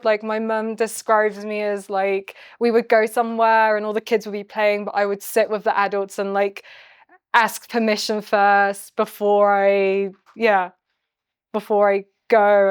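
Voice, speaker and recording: A woman's voice: medium pitch, clear, resonant tone, no room sound, clean studio sound. A woman speaking in a reflective documentary interview, thinking things through with hesitations and restarts. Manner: thoughtful, hesitant, self-searching. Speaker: interviewee and docuseries assistant.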